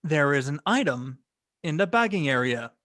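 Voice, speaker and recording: A man's voice: on the high side, big pitch swings, bright, forceful tone, a little hiss or hum. A man doing a glitching self-checkout robot. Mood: robotic. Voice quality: stilted, halting machine delivery, repeating error.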